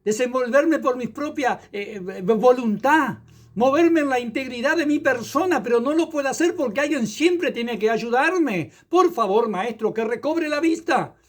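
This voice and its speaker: A preacher voicing a pleading blind beggar. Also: male voice, extremely high pitch, animated, pitched above the performer's own voice. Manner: earnest pleading, halting restarts.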